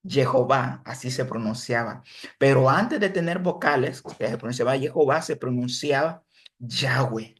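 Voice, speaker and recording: Man, religion teacher, online class, explanatory, frequent check-ins, self-correcting, computer mic. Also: medium pitch. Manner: self-correcting, pauses to fix slips.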